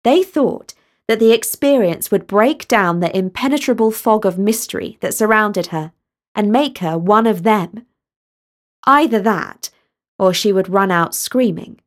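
A woman narrating a storybook in a measured, expressive way. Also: mid-range voice.

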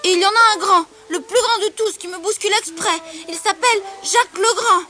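A woman voicing a timid little schoolgirl in a storybook, speaking in high, excited exclamations. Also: fairly quick.

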